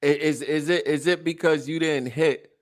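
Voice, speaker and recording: A man's voice: fairly high pitch, moderate pace. Joking, stammering man in his late twenties. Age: late 20s. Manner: animated and joking, stammers and restarts, laughs often. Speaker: podcast co-host. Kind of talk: casual chat.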